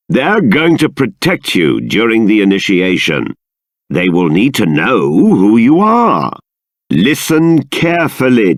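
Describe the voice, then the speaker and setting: A stern fantasy game king with a low voice full of gravel. He is regal and formal, a father easily exasperated. His delivery is slow and deliberate, weighing each word with theatrical emphasis. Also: dry recording, clean studio sound, heavily acted. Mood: composed, formal. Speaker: video game character voice.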